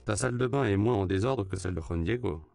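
A man's voice: lowish voice, fast talker, creaky, a little mellow, dry recording, studio quality. A man voicing a bossy, impatient middle-aged mother who scolds and gives orders. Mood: brisk. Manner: scolding, commanding.

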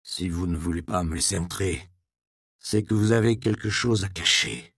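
A menacing provost, as a male narrator puts him on, growling low and gravelly in a story reading, then bellowing orders far above his usual pitch. The voice is dry and close. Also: moderate pace, no room sound. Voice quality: growling, shouting. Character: menacing, furious male provost hunting a girl.

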